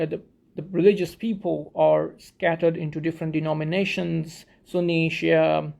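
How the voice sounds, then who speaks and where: A man's voice: a little high, vocal fry, darkish tone. A man from Pakistan explaining a theory in a thoughtful talk, often restarting and repeating words as he searches for phrasing. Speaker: video essayist.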